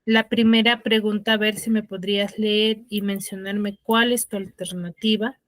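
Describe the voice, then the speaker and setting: Teacher reading aloud on a dry video call. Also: female voice, mid-range voice, level tone, normal speed, no echo. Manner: reads passages aloud then explains them; calls on students by name. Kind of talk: online class teaching. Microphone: computer or phone on a video call.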